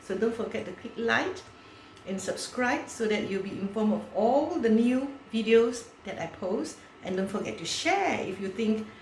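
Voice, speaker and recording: A woman's voice: on the high side, a little mellow, reverberant, slight background noise. A woman hosting a cooking video, chatting casually and walking through each step aloud as she cooks. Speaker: cooking channel host.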